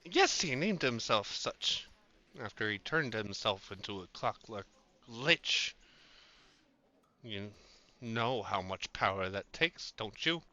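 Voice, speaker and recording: Tiny nervous robot courier, put on by a man, begging in a bright, jumpy voice; slightly dull stream audio. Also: lowish voice, sing-song, takes it slowly, long pauses, pitched below the performer's own voice, heavily acted. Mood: smug. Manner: pleading, then smug about his master. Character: tiny scared male messenger robot.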